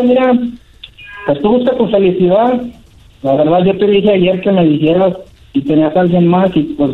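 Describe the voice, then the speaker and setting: A man with a Mexican accent telling his story hesitantly on a phone call, filling his talk with "pues" and "¿verdad?". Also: high voice. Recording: tinny phone line.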